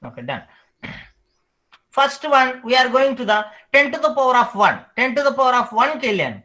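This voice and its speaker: Male teacher, high voice, online class, repeats each term slowly for students. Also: big pitch swings, bright, forceful tone, poor audio.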